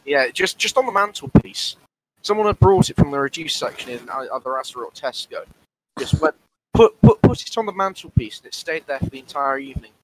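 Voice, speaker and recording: A man chatting on a podcast, telling stories hesitantly with many restarts and pauses. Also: on the high side, huge pitch swings, slight background noise, poor audio. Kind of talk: casual podcast chat.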